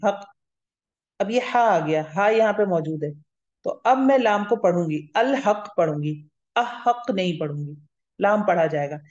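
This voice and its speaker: A woman teaches a grammar lesson in a warm, mellow voice, patiently taking it step by step and pausing to check that everyone follows. The recording sounds roomy and a little dull and lo-fi. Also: lowish voice. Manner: patient, explains step by step, often checks understanding. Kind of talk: classroom lecture. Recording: roomy, slightly muffled lo-fi recording.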